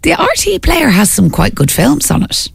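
A woman's voice: fairly high pitch, big pitch swings, moderate pace, vocal fry, slightly rough, no room sound. An Irish woman co-hosting a radio show, chatting in a rambling, talkative way. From Ireland. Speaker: radio co-host. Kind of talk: casual radio chat. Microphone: studio mic.

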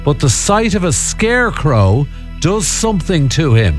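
A man's voice: fairly high pitch, very animated, a little slow, over music. An Irish man hosting a radio phone-in quiz, chatting casually and bantering with the contestants.

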